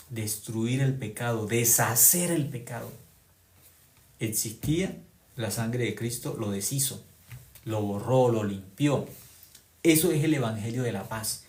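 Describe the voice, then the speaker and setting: A man preaching a sermon, repeating phrases for emphasis and swinging from loud exclamations to quiet, low lines. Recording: echoey room.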